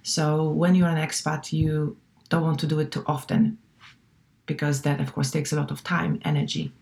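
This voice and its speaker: This guest, a relocation coach whose first language isn't English, talks in a low, flat, darkish voice with vocal fry at a moderate pace. Her casual interview chat is reflective and full of fillers and false starts.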